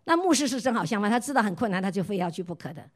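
A middle-aged woman from Taiwan preaches a sermon mixed with her own testimony. She keeps asking her listeners questions, and her voice often drops soft and quiet as she tells her stories. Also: medium pitch, expressive, very fast. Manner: asks the listeners repeated questions. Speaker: pastor's wife preaching.

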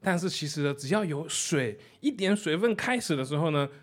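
A man preaching in an easy, conversational way, repeating his key points. His voice sits a little high and swings widely in pitch as he tells stories and jokes. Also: lively intonation, brisk.

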